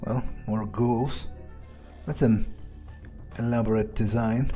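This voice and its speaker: Over music, a man with a steady, mid-range voice talks slowly through a video game in character. He's a gaming video creator whose commentary is hesitant, musing and sardonic, with casual swearing.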